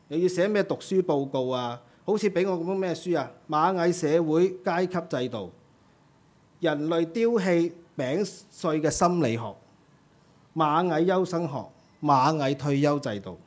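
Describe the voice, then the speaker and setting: A man playing a whining, worn-out ant student. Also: on the high side. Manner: complaining, breathless, pleading. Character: overworked whining ant student praying to God.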